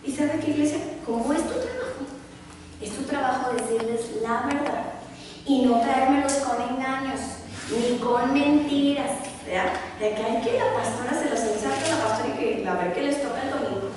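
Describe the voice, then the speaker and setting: A woman's voice: high-pitched, normal speed, noisy background. A woman pastor with a Mexican Spanish accent, preaching a sermon emphatically with rhetorical questions. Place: church hall. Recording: echoey hall from far off, faint ambience.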